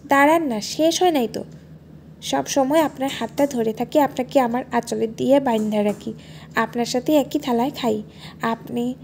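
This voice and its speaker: A sweet, naive young wife with a playful, coaxing manner, as a woman narrator puts her on. Her voice sits a little high and sounds innocent. She comes across as a storybook character in a romantic audio story. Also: normal speed, vocal fry, darkish tone, slight background noise. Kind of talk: storybook dialogue.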